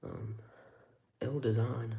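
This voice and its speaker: Man, gravelly, wry rambling live-stream chat, echoey room. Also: medium pitch, wildly swooping pitch, takes it slowly, phone-quality sound. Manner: rambling, wry remarks while handling tools. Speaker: live streamer reviewing multi-tools. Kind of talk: casual live-stream commentary.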